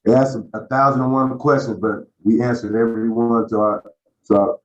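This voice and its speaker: A man's voice: mid-range voice, fairly even intonation, moderate pace, muffled recording. A man moderating a panel call, talking casually with repeated words.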